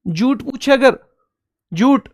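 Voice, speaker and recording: A man's voice: extremely high pitch, lively intonation, takes it slowly, darkish tone, dry recording. A male teacher runs an online exam-prep lesson, quizzing his students and affectionately calling them son and brother. He drills each answer by repeating it several times. The recording is dry and close, with no room sound. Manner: repetitive drilling, answers his own questions.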